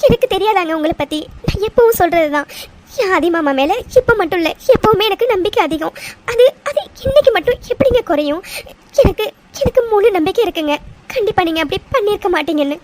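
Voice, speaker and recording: A woman voicing a devoted young wife in a cartoon serial, pleading softly through tears. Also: very high voice, lively intonation, fast. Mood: tearful. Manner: tearful, soft and respectful pleading.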